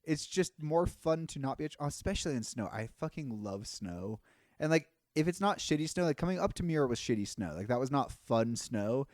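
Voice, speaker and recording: A laid-back man talks casually on a podcast, swearing freely. His pitch swings widely as he speaks. The recording is close and dry. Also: normal speed, dry recording. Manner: laid-back, swearing, lively and laughing easily. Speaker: podcast guest.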